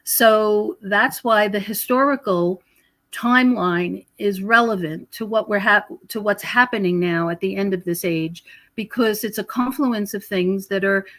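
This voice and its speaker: A middle-aged or older woman, a researcher and author, is a podcast guest offering conversational spiritual commentary in an interview. She explains at length in a rambling way, pausing often and repeating phrases. Her voice is mid-pitched and fairly bright, recorded dry with no room sound.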